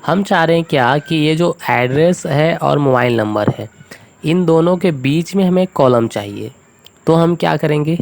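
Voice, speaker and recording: Gravelly-voiced man teaching a spreadsheet lesson. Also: fairly high pitch, animated, normal speed. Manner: patient, step-by-step, frequent check-ins. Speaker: computer tutor. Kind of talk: screen-recorded software tutorial.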